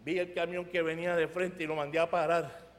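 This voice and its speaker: A man with a Puerto Rican accent preaching an animated, emphatic storytelling sermon from a church. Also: fairly high pitch, brisk. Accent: Puerto Rican Spanish. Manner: animated, emphatic, rising to loud outbursts. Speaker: pastor. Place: church sanctuary. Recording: reverberant church sanctuary.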